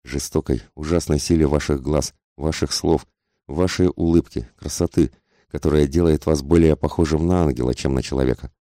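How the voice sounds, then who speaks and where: Man voicing a desperate, passionate society woman in an audiobook, intense pleading, very deep dark voice. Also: moderate pace, dry recording, studio quality. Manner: intense, whispering-angry pleading.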